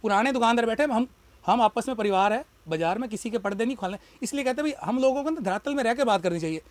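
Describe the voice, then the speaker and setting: Man, very high voice, rapid speech, impassioned shopkeeper, argumentative, interview. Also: dry recording. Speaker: shopkeeper and party worker. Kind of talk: street interview.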